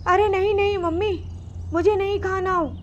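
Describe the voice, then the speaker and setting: A woman's voice: extremely high pitch, steady tone, moderate pace, a little hiss or hum, voice pushed up. A woman voicing a stubborn, greedy young boy rat in a storybook cartoon, with a whiny, pleading manner. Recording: slightly muffled recording.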